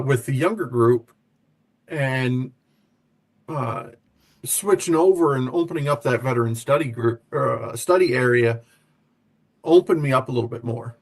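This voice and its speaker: Male American interview guest, medium pitch, conversational and a little hesitant, heard over video call. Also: normal speed. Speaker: interview guest, veterans' organization officer.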